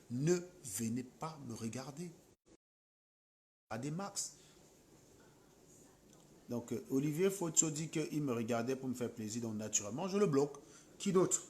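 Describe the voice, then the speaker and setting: A man's voice: mid-range voice, a little mellow, slight background noise. A man with a Cameroonian French accent, talking to his viewers on a late-night live stream and scolding commenters. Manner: scolding, combative, mocking commenters.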